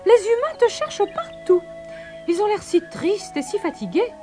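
A woman voicing a chirpy, fussing little wagtail bird, very high and twittering. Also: big pitch swings, moderate pace, over music.

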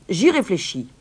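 A woman voicing a blustering middle-aged male town mayor, loud and pompous, in a storybook reading. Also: medium pitch, pitched above the performer's own voice, full character voice.

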